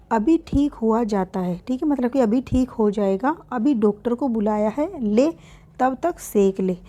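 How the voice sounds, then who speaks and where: A woman's voice: fairly high pitch, dark tone. A woman teacher reading a lesson aloud and explaining it line by line in simple words, calling her students "beta". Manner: reads lines aloud, then explains each in simple words.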